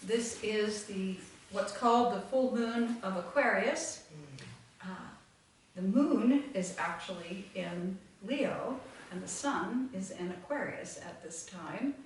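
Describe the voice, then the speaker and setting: A woman leads a full moon meditation group in a meeting room, speaking reflectively to a live audience and wandering through her thoughts with many fillers. Her voice is mid-range and slow. The room is echoey, she's far from the mic, and there's slight background noise.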